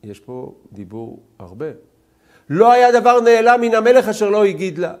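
A man teaching a scripture class, questioning his students and rising to loud, emphatic peaks. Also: high voice, sing-song. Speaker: Torah teacher.

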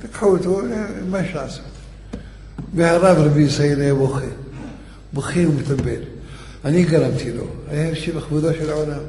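A man's voice: a little high, mellow. Man preaching in an echoey hall. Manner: emphatic, fervent storytelling. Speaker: preacher giving a eulogy. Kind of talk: sermon with storytelling. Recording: echoey hall, faint background noise.

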